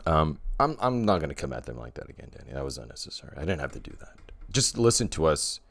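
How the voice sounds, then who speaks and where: A man's voice: very deep voice, big pitch swings, fast, vocal fry, fairly bright tone, no room sound. A man co-hosting a casual chat podcast, rambling and often restarting his sentences. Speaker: podcast co-host.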